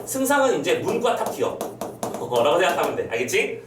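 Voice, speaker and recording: A man teaching a class in a casual, playful style, chatting informally and quizzing students with quick questions. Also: high-pitched, sing-song, far from the mic. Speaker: Korean literature teacher. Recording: roomy, off-mic, faint hum.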